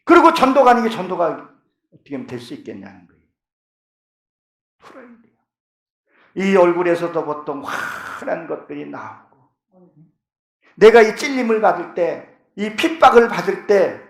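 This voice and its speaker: A man's voice: high voice, sing-song, a little slow, creaky, pauses often. A middle-aged male pastor preaching a sermon in a church, fervent and at times pleading. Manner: fervent, rising to impassioned pleading in prayers. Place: church sanctuary. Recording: echoey church hall.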